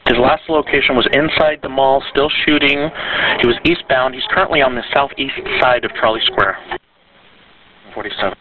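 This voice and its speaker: A man working as a police dispatcher, giving clipped, steady, procedural calls over a police radio transmission. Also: mid-range voice, normal speed, crowd noise. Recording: tinny distant radio with static.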